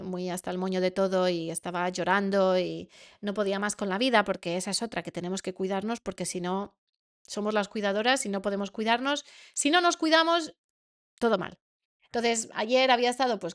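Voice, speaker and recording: A woman with a Spain Spanish accent, teaching a masterclass to parents as a coach, earnest and repeating words for emphasis. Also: mid-range voice.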